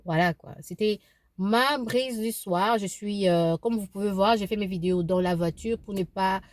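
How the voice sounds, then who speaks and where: In a casual opinion vlog shot in her car, a Kibembe-speaking woman in her thirties from eastern Congo (DRC) talks to camera with plenty of fillers, restarts, and repetition. Her voice is medium-pitched at a moderate pace, with no echo.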